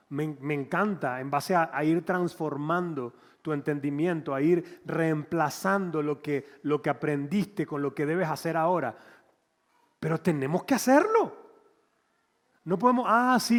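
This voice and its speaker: A man, a pastor preaching an animated, conversational sermon and acting out little scenes. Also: on the high side, big-room sound. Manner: animated, conversational, acts out quotes.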